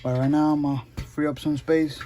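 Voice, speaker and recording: A man's voice: fairly high pitch, level tone, brisk, background noise. A man casually narrating a do-it-yourself motorcycle job as a vlogger, rambling and correcting himself as he goes. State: out of breath at times.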